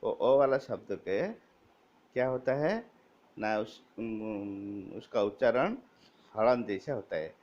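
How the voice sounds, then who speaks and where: A man teaching Hindi vowel signs to schoolchildren, slowly spelling out each sign and reading word lists aloud one word at a time. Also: on the low side, darkish tone. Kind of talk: Hindi grammar lesson for children. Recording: dull lo-fi recording.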